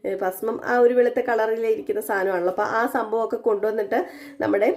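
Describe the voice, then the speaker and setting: A woman's voice: fairly high pitch, fairly even intonation, fast, a little mellow. A woman casually retelling a TV serial episode, chatty and self-deprecating, talking straight to her viewers. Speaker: serial reviewer.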